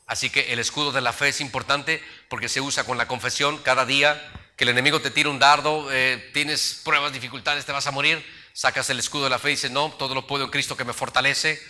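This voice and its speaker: Middle-aged preacher with a very bright tone, animated storyteller. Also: male voice, mid-range voice. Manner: storytelling preacher, acts out voices in his anecdotes. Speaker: pastor. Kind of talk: sermon.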